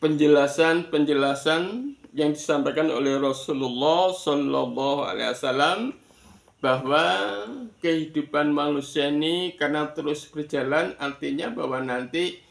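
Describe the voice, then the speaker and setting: A man giving an explanatory religious lesson, deliberate, pausing between short phrases and repeating words for emphasis. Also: fairly high pitch, fairly even intonation, gravelly. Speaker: Islamic religious teacher. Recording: echoey room.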